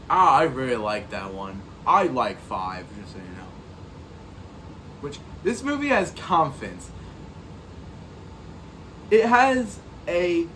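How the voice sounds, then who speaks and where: Animated man reviewing a movie solo. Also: fairly high pitch, slight background noise. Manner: animated and sarcastic, doing mock audience reactions. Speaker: podcast host.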